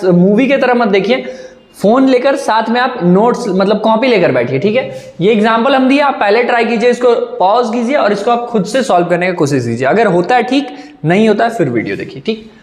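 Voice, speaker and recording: A man's voice: high voice, animated, a little fast. Echoey male math teacher quizzing students. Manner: asks questions and answers them himself, repeats key points. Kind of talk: classroom-style lesson. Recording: echoey room.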